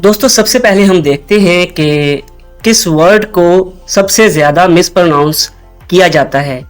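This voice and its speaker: Guy teaching word pronunciation, talks real slow, slightly high voice, repeats stuff so you say it back. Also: faint music behind. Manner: patient, repeats each word slowly for listeners to echo. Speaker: host and English pronunciation teacher. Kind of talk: scripted pronunciation lesson.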